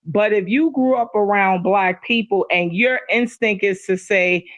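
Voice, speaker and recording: Middle-aged woman, livestream guest, speaks with heated conviction and repeats points for emphasis, mid-pitched. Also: a little slow, a bit bright, dry recording. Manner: impassioned, emphatic, repeats herself for stress. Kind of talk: casual chat.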